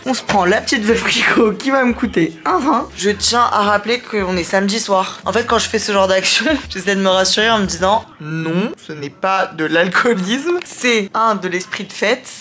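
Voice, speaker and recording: Talking into her handheld camera on city streets and in a hotel room, a young adult travel vlogger keeps things chatty and playful, poking fun at herself. She has a mid-range, fairly bright voice, speaking at a moderate pace with few pauses over faint background music.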